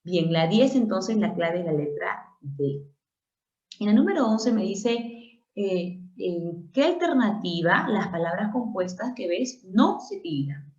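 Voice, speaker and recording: A woman's voice: medium pitch, animated, slow pace, darkish tone, reverberant, highs cut off. A woman teaching a grammar lesson for exam prep, working through questions aloud, stretching out example words and asking rhetorical questions. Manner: explanatory, repeats and stresses example words, asks rhetorical questions. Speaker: language teacher.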